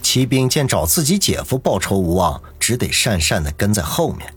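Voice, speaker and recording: Husky male audiobook narrator. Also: fairly low pitch, very animated, moderate pace. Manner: dramatic storytelling. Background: faint music.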